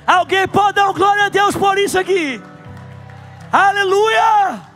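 A man in his thirties preaching a sermon on a large church stage into a handheld mic, swinging from soft asides to loud, fervent shouting. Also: extremely high pitch, slow pace, soft background music. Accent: Brazilian Portuguese.

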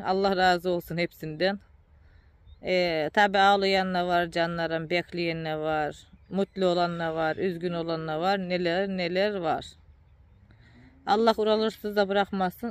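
A woman's voice: on the low side, steady tone, a little slow, no echo. A tired woman, chatting casually to her viewers as a vlogger and often calling them dear ones.

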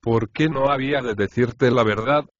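A man voicing a thrifty, self-satisfied farmer who speaks in a measured, earnest way in an audiobook of a comic play. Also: medium pitch, no room sound, highs cut off, close to an everyday voice.

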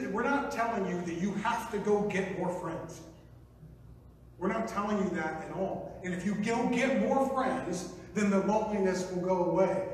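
A Midwestern American man preaching in a big church hall, his fairly high voice carrying out over the pews. He teases and jokes with the congregation as he talks. The sound is distant and echoey, with a long reverb tail. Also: a little hiss or hum. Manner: playful, teasing the congregation. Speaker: pastor. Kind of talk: sermon.

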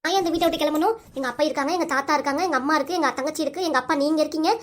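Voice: sits high, rapid-fire, close to an everyday voice. A woman voicing a young adult daughter with a southern Tamil accent, pleading with her father and refusing to give up her love. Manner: pleading, then firmly defiant.

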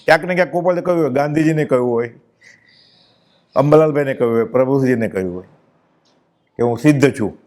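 A man with a Gujarati accent giving a devotional discourse, chanting verses slowly and then explaining them in plain speech. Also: mid-range voice, darkish tone. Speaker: spiritual discourse speaker.

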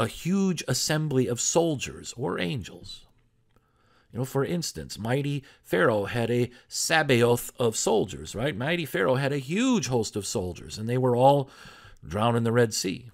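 A man's voice: mid-range voice, expressive, a little slow. A man pastor giving a sermon in a conversational preaching style, full of rhetorical questions.

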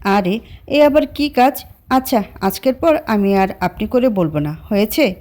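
A woman's voice: mid-range voice, expressive, unhurried, darkish tone, close to an everyday voice. A woman voicing a shy, teasing young woman in love, with a coy, pleading way of talking. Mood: shy, playful.

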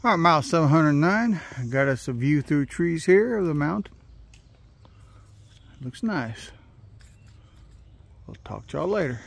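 A man's voice: fairly high pitch, expressive, unhurried, vocal fry, long pauses. A man vlogging to camera while hiking, talking in a folksy, upbeat way and calling his viewers y'all. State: out of breath. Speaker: hiker vlogging a long trail. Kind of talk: casual trail vlog to camera. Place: outdoors on a mountain trail.

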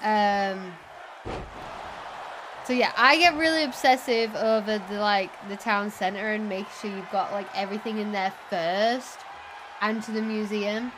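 A young woman co-hosting a laid-back game stream, rambling through casual chat and reading out viewer messages. Her voice sits at an average pitch, with a faint noise under the recording. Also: steady tone, a little slow. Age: young adult. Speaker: co-host.

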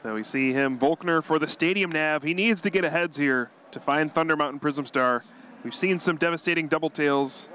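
A man calling a live card-game tournament match play by play, quick and analytical, chuckling often. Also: fairly high pitch, sharp tone, a little hiss or hum. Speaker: tournament commentator.

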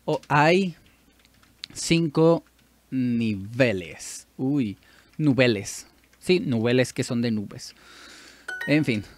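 Unhurried Mexican man thinking aloud. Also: mid-range voice, animated. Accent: Mexican Spanish. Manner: chatty, self-correcting, thinks aloud. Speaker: YouTuber doing language practice. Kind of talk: casual commentary while playing a language app.

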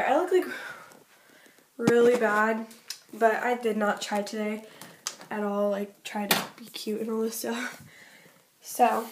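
At home, a young woman talks to her camera as she goes through a shopping haul in a casual vlog. Her voice is slightly high, and she keeps dropping in "like" along with quick, giggly asides. A faint hiss runs beneath the recording.

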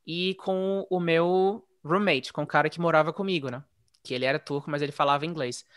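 A man telling his story in a relaxed, chatty way, as a guest in a casual interview. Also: a little high, a little fast, smooth, no room sound, studio quality. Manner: relaxed, chatty, frequent "né?" tags. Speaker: interview guest, former English teacher living abroad.

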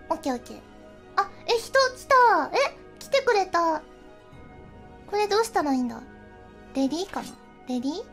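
Streamer girl, very high and bright, excitable and chatty, game music underneath. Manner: excitable, chatty, laughs often and yelps at the game. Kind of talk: casual game livestream chat.

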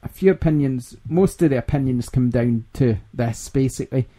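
A man's voice: mid-range voice, moderate pace, warm tone. A Scottish man hosting a gaming podcast in casual chat, laughing often and rambling. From Scotland. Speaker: podcast host.

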